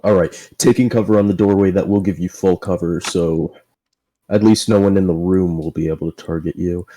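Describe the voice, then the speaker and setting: A man running a tabletop role-playing game as dungeon master, relaxed, explaining the rules and thinking aloud. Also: low voice, a little fast, a little hiss or hum.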